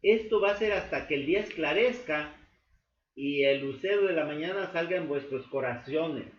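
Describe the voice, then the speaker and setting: A man teaching a Bible study class, explaining slowly with many fillers and restatements. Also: fairly high pitch. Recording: echoey, dull room recording with faint noise.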